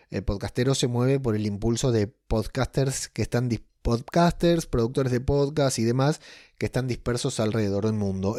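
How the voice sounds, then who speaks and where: Argentine guy rambling about his trip, warm mellow voice, dry close mic. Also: medium pitch, no echo. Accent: Argentine Spanish. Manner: chatty, rambling with many fillers and restarts. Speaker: podcast editor and host. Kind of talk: casual personal monologue.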